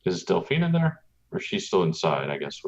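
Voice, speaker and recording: A man's voice: deep voice, sing-song, normal speed. A man player in a tabletop game, asking questions in a slightly confused way. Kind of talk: casual tabletop play. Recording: dull lo-fi sound.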